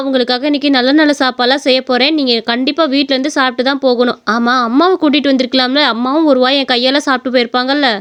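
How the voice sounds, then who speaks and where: A woman with a Tamil accent voicing a quick-tempered young wife in a cartoon story, scolding and complaining. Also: high voice, close to an everyday voice. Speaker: voice actor.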